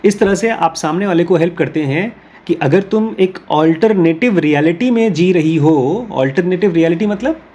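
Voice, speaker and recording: A man with a somewhat high, husky voice gives an explanatory talk, mixing Hindi with English phrases. He reads English sentences out slowly, then unpacks them in Hindi with everyday examples and little role-plays. The tone is that of a patient course teacher. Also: dark tone, dull audio.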